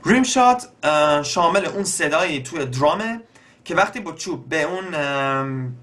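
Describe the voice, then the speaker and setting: A young man with an Iranian Persian accent gives a casual beatbox lesson, explaining each step slowly with many pauses and fillers. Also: a little high, lively intonation, pushed and bright. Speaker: beatbox teacher. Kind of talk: casual spoken tutorial.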